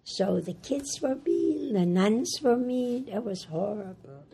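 Older woman, German native speaker, interview testimony; hoarse, husky, slightly high voice, unhurried. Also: lively intonation, warm tone. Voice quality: raspy, hoarse voice. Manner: halting, plain-spoken, repeats words. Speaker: Holocaust survivor interviewee. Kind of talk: oral history interview.

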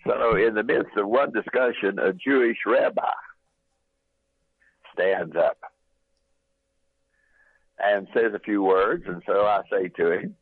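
A man's voice: fairly low pitch, slow, pauses often, slightly rough, no room sound. A man, a pastor guesting on a call-in radio show, telling stories emphatically with some uh fillers, heard over the phone. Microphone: telephone. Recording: tinny phone line.

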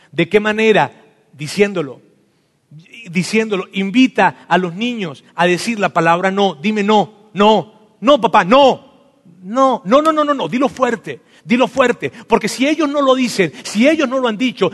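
A man preaching to parents, animated and often acting out talks with his children, repeating words for emphasis. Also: high-pitched. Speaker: pastor. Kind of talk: sermon to parents. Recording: long echo of a hall.

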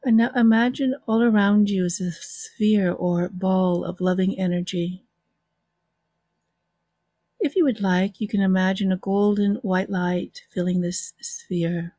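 A woman leads a guided relaxation in a soft, soothing manner. Her voice is mellow and very slow, with long pauses between phrases. The sound is close and dry. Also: medium pitch, steady tone, no echo. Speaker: interview guest, author and hypnotherapy practitioner.

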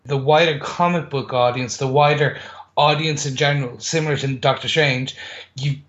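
A man's voice: medium pitch, steady tone, moderate pace, a bit bright. A man co-hosting a casual chat, laying out his predictions step by step. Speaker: podcast co-host. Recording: slightly dull, muffled audio.

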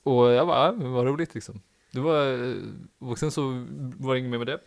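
A man's voice: medium pitch, fairly even intonation, clean tone. A young man hosting a podcast, casually telling a long anecdote in a rambling way, full of fillers and laughing at his own story. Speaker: podcast host.

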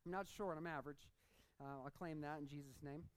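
A man with a notably high voice delivers a sermon, building his lines through repetition and swinging between loud emphasis and quieter moments. When he tells his own story, he sounds loose and conversational. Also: fairly even intonation, a little fast, low-quality recording. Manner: impassioned preaching that turns into casual storytelling; repeats phrases for emphasis, rising and dropping in force. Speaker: pastor.

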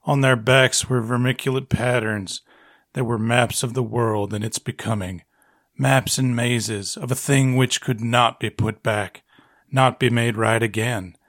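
A man reading as a solemn old-timey Western storyteller, low and hushed, slow and half-whispered. The voice sits close and dry, with no room sound at all. Each phrase is drawn out in a quiet, reverent hush. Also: fairly even intonation, dry recording.

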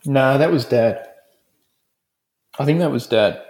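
A man's voice: mid-range voice, slow, a little mellow. An Australian man from Melbourne, a dentist guest speaking in a frank, rambling way in a casual interview.

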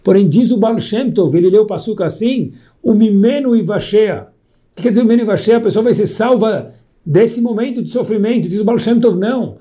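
A man telling a moral story as a sermon, lively and acting out the people in it. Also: high voice, brisk. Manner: lively storyteller, voicing characters in quotes.

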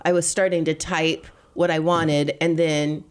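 A woman's voice: low voice, flat delivery, measured pace, clean tone. Giggly self-deprecating woman co-host. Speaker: podcast co-host. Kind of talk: casual chat about marriage.

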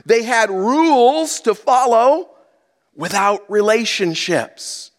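A man preaching a teaching sermon, moving between loud emphasis and hushed asides. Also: on the high side. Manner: teaching verse by verse, dramatic swings from loud to hushed. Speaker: pastor.

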